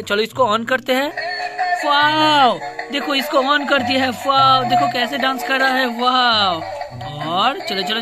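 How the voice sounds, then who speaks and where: A man narrating toy play for children as a channel host, excited and full of repeated exclamations. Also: extremely high pitch. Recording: background music.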